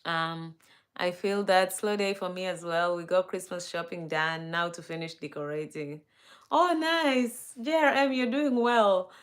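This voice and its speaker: A female livestream host with a Kenyan accent reads viewer comments and greets her audience in relaxed chat, with frequent fillers and restarts. Her voice is lowish, her intonation fairly even, and her pace measured.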